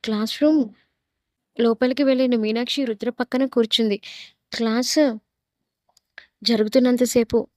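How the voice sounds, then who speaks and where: A woman reads a dramatic romance story aloud. Her voice sits fairly high and stays expressive but steady. The recording is close and dry, with no room sound. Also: moderate pace, pauses often, no echo. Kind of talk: dramatic audio story reading.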